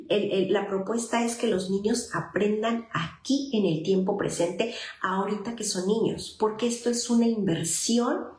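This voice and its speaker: A woman's voice: mid-range voice, a little mellow, reverberant, a little hiss or hum. Earnest Mexican woman psychologist. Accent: Mexican Spanish. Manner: earnest, speaks directly to parents, many fillers. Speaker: psychologist giving parenting advice. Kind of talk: informal advice talk to parents.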